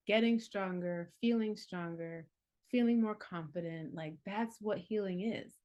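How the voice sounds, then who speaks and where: Warm in tone and medium in pitch, this woman in her forties works as an herbalist and healing coach. She reflects casually and earnestly, laughing often and using many fillers.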